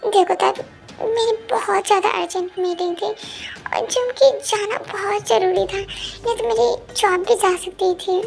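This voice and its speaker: A woman's voice: very high-pitched, fairly even intonation, unhurried, vocal fry, exaggerated voice. A woman voicing a young man who keeps pleading and soothing his angry girlfriend in a fan audio drama. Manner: pleading, soothing, repeats please. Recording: music playing behind.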